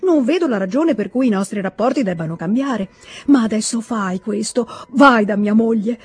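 Emotional begging nobleman, raised and loud, read by a husky-voiced woman. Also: on the high side, animated, moderate pace. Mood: imploring. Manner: emotional, imploring, rising to cries. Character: pleading warm-hearted middle-aged nobleman, brother-in-law.

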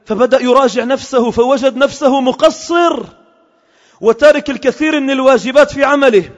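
A man's voice: extremely high pitch, fairly quick. A man giving an impassioned Friday sermon in a mosque, asking the crowd rhetorical questions and mixing formal and everyday speech. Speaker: Friday preacher. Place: large mosque hall. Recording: lo-fi recording with long hall reverb.

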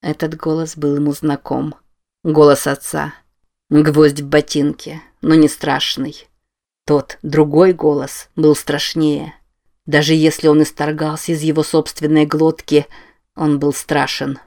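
A man reading a novel aloud as an audiobook narrator, with measured scripted narration. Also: a little high, monotone, vocal fry, darkish tone.

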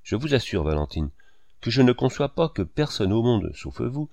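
Man voicing a prideful young writer in a storybook reading, sarcastic and bitter, his gravelly low voice swinging widely in pitch, close and dry. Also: very animated, normal speed, darkish tone, no echo. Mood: reproachful. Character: proud, mocking young male writer.

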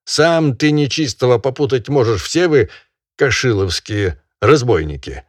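A pompous country gentleman, voiced by a man reading aloud scolds and moralizes in a slow, drawn-out tone. His pitch swings widely as he preaches, and the sound is dry and close for a storybook reading. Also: animated, dry recording. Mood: sanctimonious lecturing. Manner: sanctimonious, drawn-out lecturing.

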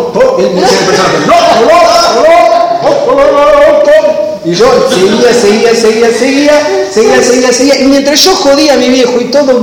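Argentine guy telling a funny story at a talk, pretty high voice, far away in an echoey hall with noise behind. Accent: Rioplatense Spanish. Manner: animated, acts out voices in anecdotes. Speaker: clown teacher giving a talk. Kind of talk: storytelling lecture. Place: large hall at a convention.

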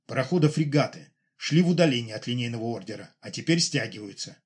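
A man voicing a level-headed major who explains the situation in measured tones. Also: mid-range voice, lively intonation, breathy edge. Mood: calm. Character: calm male major, intelligence officer.

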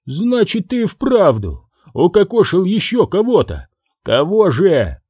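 A furious middle-aged mob boss, put on by a male audiobook reader, raising his pitch well above the narration and shouting his insults. He bites off every word, his voice swinging wildly up and down. The voice stays dark and mellow, recorded dry and close. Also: huge pitch swings, takes it slowly, slightly rough, no echo, full character voice. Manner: shouting, scolding, hammering each word.

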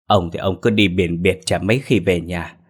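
A man's voice: low-pitched, fairly even intonation, moderate pace, husky. A man voicing an anxious older mother who pleads and wails for her daughter. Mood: pleading. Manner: pleading, wailing.

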